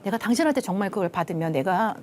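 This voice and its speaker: A middle-aged woman who directs a love institute gives a television lecture, telling her story with wide pitch swings at a quick, animated pace. She acts out quoted lines and softens nearly to a whisper at tender moments, with faint studio noise in the background.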